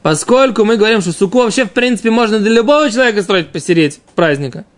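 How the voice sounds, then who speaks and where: A man's voice: high voice, lively intonation, fast talker. A man giving an informal religious text lesson as a teacher, explaining by asking and answering his own questions. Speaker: Talmud teacher.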